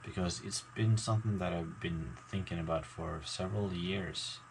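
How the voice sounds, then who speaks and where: Man, very low voice, mumbly hesitant vlogger chat. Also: fairly even intonation, gravelly, slight background noise, low-quality recording. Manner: halting, mumbling, many fillers and restarts. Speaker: gaming YouTuber. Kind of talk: casual talk to camera.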